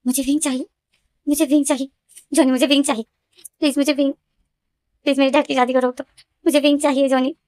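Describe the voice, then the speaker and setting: A desperate, heartbroken young man, as a woman narrator voices him, pleads insistently. The pitch is high and the sound is dry and close, with no room around it. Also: level tone, fast, pauses often, darkish tone, no room sound, natural voice. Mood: pleading.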